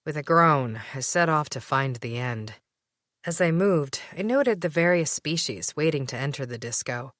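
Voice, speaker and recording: A woman narrating a first-person audiobook in a wry, expressive storytelling manner. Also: sits low, dry recording, studio quality.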